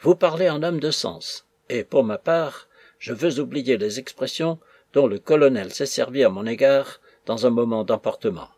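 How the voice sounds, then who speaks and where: A smooth, placating gentleman's envoy pleads his case in measured, persuasive tones, as a male reader puts him on. The voice is husky and mid-pitched. The sound is dry and close. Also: dry recording, close to an everyday voice. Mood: conciliatory.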